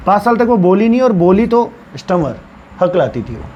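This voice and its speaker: Guy teacher telling a story to his class, kinda high voice, acts out the stutters, muffled lo-fi sound with a little hiss. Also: big pitch swings, normal speed, darkish tone. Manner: acts out stammering and dialogue while retelling. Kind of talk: storytelling lesson explanation.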